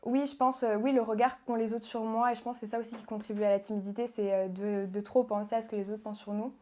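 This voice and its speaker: A young woman from Portugal, a pageant contestant answering interview questions in a soft, hesitant way with many pauses and fillers. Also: fairly high pitch, steady tone. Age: young adult. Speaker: guest, beauty pageant contestant.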